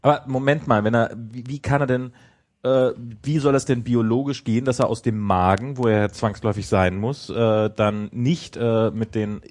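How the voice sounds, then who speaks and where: A man's voice: medium pitch, steady tone, normal speed, darkish tone. A man co-hosting a podcast in casual chat, thinking aloud hesitantly with many fillers and restarts. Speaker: podcast co-host.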